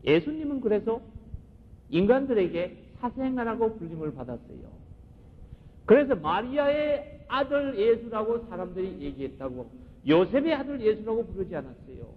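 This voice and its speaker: A male pastor preaching a sermon with emphatic, animated delivery, often asking the congregation questions. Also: high-pitched, moderate pace. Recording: muffled recording in a reverberant hall.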